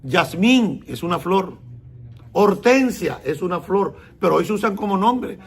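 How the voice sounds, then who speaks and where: Sitting high and expressive, this man's voice belongs to a messianic rabbi who teaches his sermon slowly, repeats words and poses questions to the congregation as he explains.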